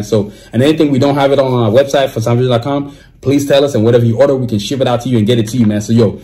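With a warm, mid-range voice, a thirtysomething man chats through sponsor reads on his own podcast, sitting at a desk in a small room. His delivery is easygoing and slangy, leaning heavily on "you know what I'm saying."

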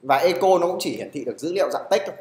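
A man's voice: on the high side, expressive, racing, darkish tone. Man teaching a coding class, echoey room. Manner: keeps asking "được chưa?" to check on students. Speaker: programming teacher. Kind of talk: live classroom coding lesson.

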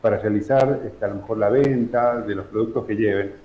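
A middle-aged man from San Juan, Argentina, explaining his charity's work in a remote news interview, measured and full of fillers. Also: fairly low pitch, fairly even intonation. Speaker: charity director guest. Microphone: video call. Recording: echoey room, dull video-call audio.

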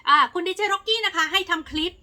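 A young woman from Thailand answering viewer questions in a casual, polite vlog, with lots of soft fillers. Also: very high voice, quick pace.

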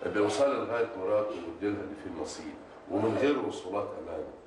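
An actor playing a sanctimonious husband who moralizes with pious sayings, in an Egyptian accent. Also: male voice, lowish voice, animated, rapid-fire, background noise, close to an everyday voice. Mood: preachy. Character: self-righteous, preachy husband quoting pious sayings. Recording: echoey, distant, music behind.

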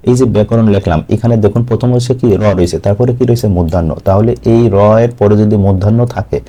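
A man's voice: lowish voice, dark tone. A man teaching a grammar lesson for exam students, explaining step by step and answering his own questions.

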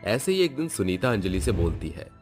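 Low-voiced man narrating a story. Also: fairly quick, soft background music. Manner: steady storytelling.

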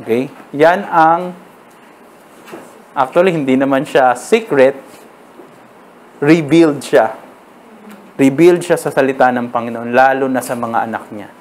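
A man with a Filipino accent preaching a sermon, conversational and peppered with "okay?", reading verses slowly. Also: mid-range voice, darkish tone, slight background noise. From Philippines.

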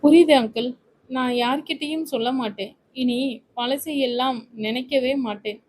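A woman's voice: high-pitched, normal speed, a little mellow, rough recording. A woman voicing a sincere young bride-to-be who speaks politely and pleadingly. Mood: earnest.

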